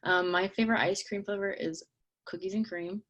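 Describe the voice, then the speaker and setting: A woman's voice: medium pitch, steady tone, a little fast, fairly bright tone, muffled recording. A young woman from Pennsylvania introducing herself on a webinar panel, hesitant and filler-heavy.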